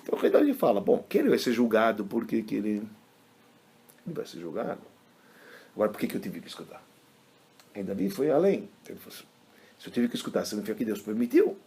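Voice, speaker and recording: A man, a rabbi giving a casual religious lesson and telling stories in an animated, colloquial way. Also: on the low side, fast talker, pauses often, slightly rough. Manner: animated, colloquial storyteller, acting out quotes. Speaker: rabbi teaching a class.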